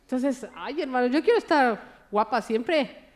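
A married woman gives a lively sermon, joking often and calling her listeners brother. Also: sits high, measured pace. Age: adult, married. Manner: jokey and animated, often calls listeners brother. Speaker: lay preacher.

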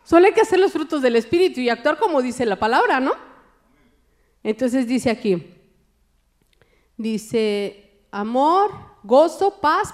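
A married woman gives a lively sermon, joking often and calling her listeners brother. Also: on the high side. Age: adult, married. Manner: jokey and animated, often calls listeners brother. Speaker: lay preacher.

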